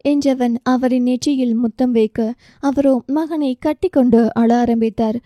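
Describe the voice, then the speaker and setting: A woman's voice: high voice, fairly even intonation, moderate pace, dark tone, no room sound, studio quality. A woman narrating a romance novel audiobook, reading with feeling and giving each character their own voice. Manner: emotive, voices dialogue with feeling.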